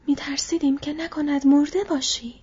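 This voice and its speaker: A woman's voice: high voice, expressive, breathy edge, voice pushed up, full character voice. A woman doing a blunt, hearty hobbit farmer. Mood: wary. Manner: blunt, hearty, calling out loudly. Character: gruff sturdy male hobbit farmer, middle-aged. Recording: dull lo-fi audio.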